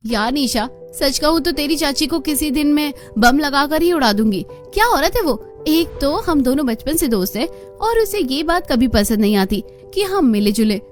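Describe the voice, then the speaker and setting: A woman voicing a rich, bold young college friend in a cartoon, loud and outspoken. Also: high voice, animated, normal speed, faint music behind. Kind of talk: cartoon voice acting.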